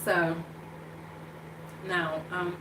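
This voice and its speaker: A woman in her thirties talks slowly through a casual live chat, often stopping to restart her sentences. Her voice sits a little low, and she is set back from the mic in an echoey room with steady background noise. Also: distant mic. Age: 30s. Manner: hesitant, many fillers and restarts, laughs often. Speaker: show host reading live comments.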